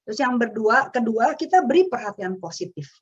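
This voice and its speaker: A woman's voice: fairly high pitch, very animated, brisk, slightly rough. Woman giving a parenting talk, muffled. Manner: explanatory, acts out parent-child exchanges. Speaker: parenting speaker. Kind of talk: webinar talk.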